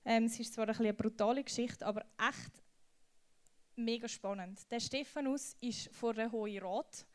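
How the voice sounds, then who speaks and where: A young woman giving a casual youth sermon, telling stories in a lively, slangy way. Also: fairly high pitch, normal speed. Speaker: youth preacher.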